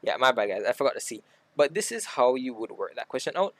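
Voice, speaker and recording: Male maths tutor, mid pitch, gravelly, dry room, casual step-by-step explainer. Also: big pitch swings, fast talker. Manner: talks through steps aloud, self-correcting. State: hiccuping. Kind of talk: casual worked-example lesson.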